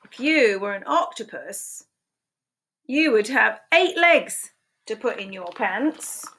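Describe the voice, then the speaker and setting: This sixty-something woman reads slowly from a picture book for young children, her fairly high, animated, slightly bright voice taking on a sing-song storytelling tone as she poses questions to them. She's indoors in a small room at home, captured by her desk webcam.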